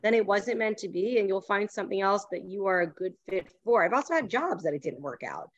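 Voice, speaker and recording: A woman's voice: mid-range voice, animated, fairly quick, no room sound. Woman with a Long Island accent, slightly muffled. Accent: Long Island, New York. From New York, United States. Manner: candid, self-deprecating, encouraging. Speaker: panelist, past scholarship winner. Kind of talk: conversational advice with personal anecdotes.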